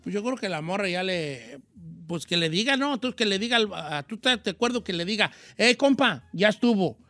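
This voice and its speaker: A man's voice: high voice, animated, fairly quick, bright, forceful tone, dry recording. Mexican man, slangy rambling radio host. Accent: Mexican Spanish. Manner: slangy, rambling, self-mocking. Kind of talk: casual radio advice chat.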